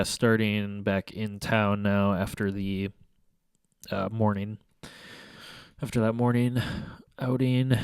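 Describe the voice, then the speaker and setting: Sitting by a window in a small room at home, a young man who vlogs about photography looks through his shots in a rambling, hesitant way, full of fillers and restarts. His nose is stuffy and congested. The lowish voice has a darkish, smooth tone with no room sound.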